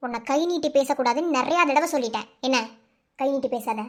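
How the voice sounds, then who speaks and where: A woman's voice: high-pitched, fairly quick, close to an everyday voice. A woman with a Madurai Tamil accent voicing a stern, scolding cartoon mother who lectures and threatens her daughter. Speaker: voice artist. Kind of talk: animated cartoon dialogue.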